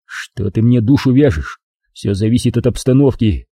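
A man as a calm young lieutenant. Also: mid-range voice, breathy edge, dry recording, studio quality. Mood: measured. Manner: measured, slightly lecturing.

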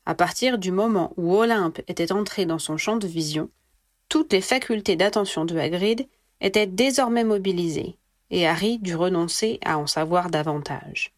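A woman narrating a story aloud, steady and clear, raising her voice for the dialogue. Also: on the low side, moderate pace, dry recording, studio quality. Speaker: reader of fan fiction. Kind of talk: audiobook narration.

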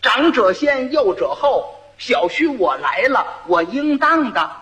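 A man's voice: very high-pitched, very animated, slow, pushed and bright, exaggerated voice, low-quality recording. A man voicing a clever young bride who scolds and coaches her husband. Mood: instructive. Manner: scolding, instructive.

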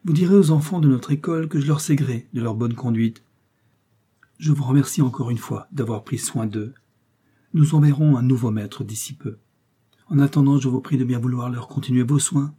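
A man reading the lines of a proud, calm young princess, speaking with cool, polite reserve. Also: medium pitch, normal speed, breathy edge, natural voice.

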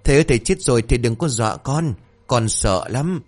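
A man's voice: mid-range voice, lively intonation, fast, faint music behind, close to an everyday voice. A man voicing two foolish young male apprentices who plead and panic over their master. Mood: whiny, panicked.

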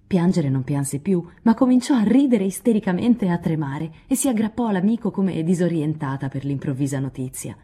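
A woman narrates a classic novel in a low, very dark and mellow voice. Her tone is slightly husky, and her delivery is measured and expressive. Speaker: audiobook reader. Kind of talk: literary audiobook narration.

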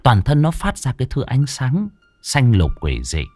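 A man's voice: medium pitch, normal speed, no echo, soft background music. A man narrating a horror folk tale in a dramatic storytelling style. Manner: animated, swooping delivery. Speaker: audiobook narrator.

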